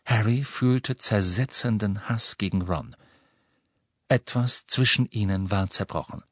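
A man reading a story aloud in a measured, dramatic storytelling manner. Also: lowish voice, lively intonation, no echo, studio quality. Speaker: audiobook reader. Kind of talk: scripted narration.

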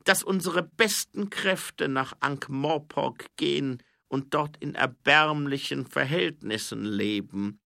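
A man voicing an old dwarf king who speaks slowly, high and loud, drawing out his words. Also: creaky, dry recording, clean studio sound, full character voice. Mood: probing, weary. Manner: slow, high and loud, drawn-out.

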